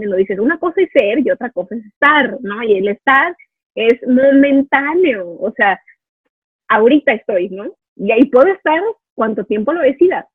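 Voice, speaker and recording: This interviewer's voice is on the high side and slightly rough. As host of a casual podcast conversation, she reflects out loud and keeps adding a questioning "¿no?". The audio is dry and tinny, as if over the phone.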